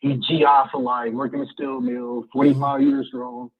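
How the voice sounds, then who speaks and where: Keep the phone away from yourself: a husky man calling in, distant and faint on a tinny line, rambling and hesitant. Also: medium pitch, very animated, normal speed. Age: 30s. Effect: distant and faint, speaking away from the phone on earbuds. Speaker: caller. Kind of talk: call-in radio talk.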